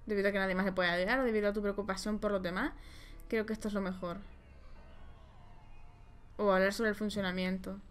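A woman's voice: mid-range voice, level tone, brisk, long pauses. A woman with a Spanish accent playing a video game, reading the characters' lines aloud in translation and reacting between them in casual commentary. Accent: Spain. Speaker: let's player.

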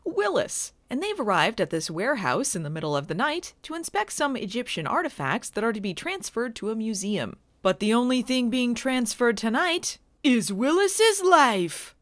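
A woman recapping a TV episode with sarcastic, deadpan asides. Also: fairly high pitch, moderate pace, few pauses, no room sound. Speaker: video reviewer. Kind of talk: comedic recap narration.

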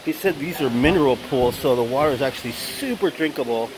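A man filming a walking tour vlog on a phone outdoors, excited and exclaiming often. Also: mid-range voice, fast talker, background noise. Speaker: travel vlogger. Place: outdoors at ruins by a waterfall.

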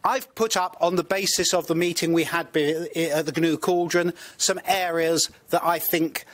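Man, slightly high voice, panel moderator, addressing a conference audience. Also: steady tone, moderate pace. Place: university lecture room, speaking before an audience.

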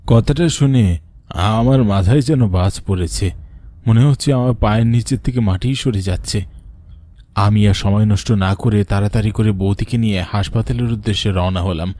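Voicing a devoted younger brother, a man gives dramatic first-person cartoon narration that is emotional, literary and sorrowful, full of shock and grief. His lowish, warm voice is close to an everyday one, at normal speed with no room sound.

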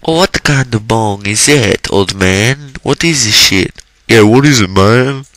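A man's voice: lowish voice, unhurried, a bit bright, dry recording, poor audio. A man voicing a crude young cartoon plumber who asks blunt questions, in an amateur comedy dub.

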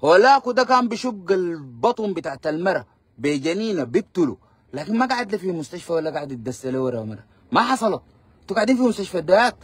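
A man's voice: high voice, slightly rough, no echo. A man with a Sudanese Arabic accent giving combative, fiery political commentary on a live stream.

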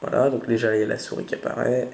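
A man hosting a casual tech tutorial, giving patient step-by-step instructions and often pausing to show what happens. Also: medium pitch, little pitch movement, vocal fry, darkish tone. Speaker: tutorial host.

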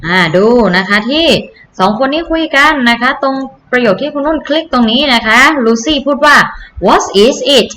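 A woman's voice: sits high, expressive, fairly quick, few pauses, pushed and bright, a little hiss or hum. A woman teacher giving an online English lesson to children, explaining patiently and repeating key phrases. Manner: patient, repetitive explaining with polite particles.

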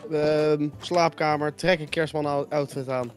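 A young adult man in casual gaming banter, animated and repeating words. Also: fairly high pitch, unhurried, soft background music. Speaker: gamer hiding in hide-and-seek.

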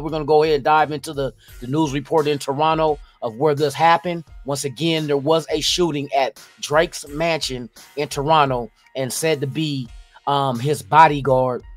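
A man in his forties hosting a podcast, giving casual reaction commentary straight to camera from a home studio. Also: fairly high pitch. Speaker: podcast host. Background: music.

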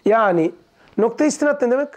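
A man with a fairly high voice teaches a religious text to a small study circle. He fires short questions at his listeners, answers many of them himself, and breaks hard terms down into everyday words. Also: expressive, fast talker, a little mellow. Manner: explains terms in plain words; leans back in an armchair while teaching.

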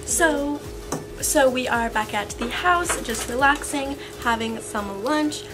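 A woman's voice: high-pitched, takes it slowly, low-quality recording. A teenage girl chatting casually in a travel vlog, upbeat and full of "super" and "so cute", filmed on a camera held at arm's length. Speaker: vlogger. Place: beach house kitchen, indoors. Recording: pop music playing under the voice.

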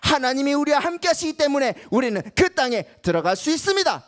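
A woman's voice: sits high, sing-song, fast, pitched above the performer's own voice. A woman voicing bold, faithful male scouts in a children's Bible story, speaking in an earnest, emphatic, insistent way.

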